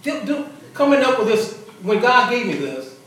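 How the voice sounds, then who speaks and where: A middle-aged preacher speaks in a very high-pitched, sing-song voice that is a bit bright, at a moderate pace. Addressing his congregation conversationally, he often repeats and restarts phrases, and a far mic in an echoey hall captures him and the congregation.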